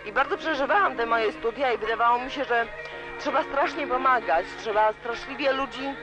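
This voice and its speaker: A woman's voice: fairly high pitch, a little fast. Young woman, rambling, emotional, party interview, old worn tape, muffled lo-fi sound, blaring music behind. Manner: rambling, emotional, keeps saying "you know". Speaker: student radio interviewee. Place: student club during a party. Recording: dull lo-fi old cassette tape. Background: loud music.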